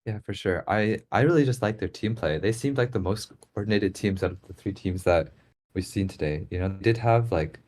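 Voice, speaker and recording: A young male co-caster chats about the matches in an easygoing, joking tone. His voice is very deep and low. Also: fairly quick, a little mellow. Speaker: esports caster. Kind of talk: casual esports commentary chat.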